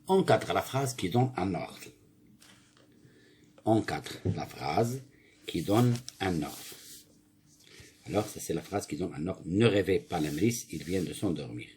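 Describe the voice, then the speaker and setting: A man's voice: low voice, lively intonation, a little slow, pauses often, darkish tone, a little hiss or hum. A male teacher going through a grammar exercise, asking questions and answering them himself. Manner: asks questions then answers them himself, corrects slips. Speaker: primary school teacher. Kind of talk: grammar lesson, reading and explaining exercises.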